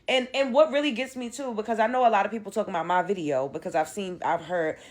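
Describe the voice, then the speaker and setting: A woman in her 30s from Brooklyn, New York, rants bluntly and profanely as an online commentator and comedian. Her medium-pitched voice moves fast, and the recording has a roomy echo.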